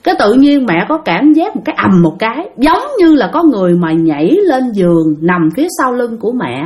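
A woman's voice: on the high side, sing-song, a little fast, darkish tone. A young woman telling a ghost story in a chatty way, talking straight to her listeners. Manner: chatty, addresses listeners directly.

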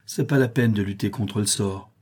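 A man's voice: moderate pace, breathy edge. A man voicing a frightened drunk man who pleads in a raised, tearful voice. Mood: defeated. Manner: high, loud pleading.

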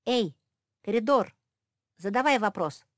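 A woman voicing a steady, determined female pug who insists on her plan. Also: on the low side, normal speed, dry recording, studio quality, natural voice. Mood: calling out. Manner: firm, insistent.

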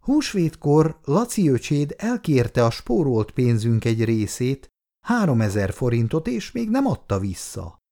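A man voicing an indignant, sharp-tongued young wife in a raised voice. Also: very animated. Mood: reproachful. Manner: raised pitch, reproachful.

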